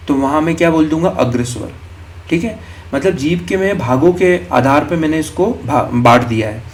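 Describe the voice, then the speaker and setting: A young man with a slightly high voice teaches an exam-prep lesson patiently. He moves step by step, checking in often and asking questions before he answers them himself. When he demonstrates a vowel, he stretches the sound out slowly. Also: a little mellow. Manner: explains step by step, checking in with "ठीक है" and "okay".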